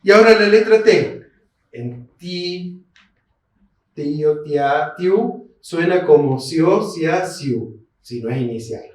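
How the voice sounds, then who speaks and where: A man's voice: high voice, animated. Argentine man lecturing in an echoey hall. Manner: explanatory, checks in with listeners using "¿eh?" and "¿m?"; spells out terms slowly, syllable by syllable. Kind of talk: academic seminar lecture. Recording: very echoey hall, mic far off.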